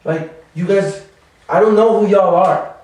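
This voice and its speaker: A man's voice: sits high, unhurried, a little mellow. A man from El Salvador, a comedian guest telling rambling stories in slangy casual chat, often laughing. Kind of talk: casual podcast chat, storytelling. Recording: echoey room, distant mic.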